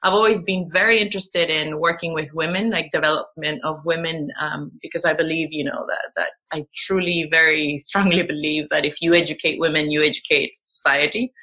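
A woman's voice: low voice, steady tone, a little fast, hardly any pauses, pushed and bright. A young woman from Venezuela, a guest telling her story in a rambling, casual way with many fillers and restarts. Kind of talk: casual conversational interview.

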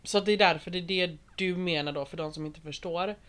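A young woman with a slightly low voice, chatting casually. She is expressive, laughs often and swears in passing. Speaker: reality show contestant. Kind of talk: casual podcast chat.

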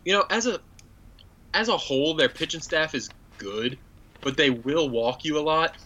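A man's voice: a little high, normal speed, sharp tone, muffled recording. A man co-hosting a sports podcast, breaking down the matchup in an easygoing way with fillers. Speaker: podcast co-host. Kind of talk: casual sports podcast chat.

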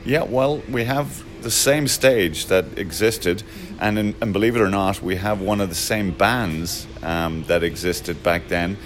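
A man with a very low voice talks about his pub in a loose, halting way. He fills pauses with ums and slips in jokes. Faint music plays in the background. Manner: hesitant, many fillers, jokey. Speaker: Irish pub owner. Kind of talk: casual interview.

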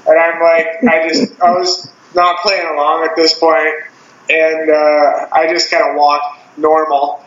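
A man's voice: fairly high pitch, monotone, a little slow, a bit bright. A man co-hosting a casual podcast, telling a funny story with laughs and swearing. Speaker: podcast co-host. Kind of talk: casual chat. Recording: roomy, dull lo-fi sound with faint hiss.

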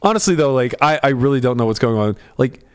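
A man's voice: medium pitch, expressive, quick pace, clear, resonant tone. A man talking casually on a podcast, ranting with sarcasm about poker. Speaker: podcast regular, poker pro. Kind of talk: casual chat.

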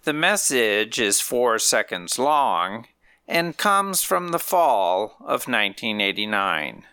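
A man hosting a podcast, giving a measured, deliberate introduction and asking interview questions. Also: on the low side, big pitch swings, pushed and bright, slight background noise. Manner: measured, deliberate announcer delivery.

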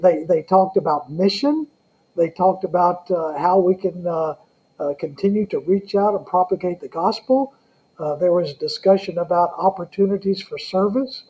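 Male interview guest, Southern US accent, high-set mellow voice, conversational and halting. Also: poor audio. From Southern United States. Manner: halting, with frequent hesitations. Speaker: guest, Salvation Army colonel.

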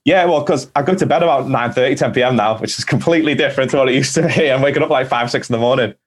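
A man's voice: mid-range voice, very fast. A man, a music producer guest in a podcast, chatting casually and filling his talk with "like". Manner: chatty, full of "like" fillers. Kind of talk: casual conversation.

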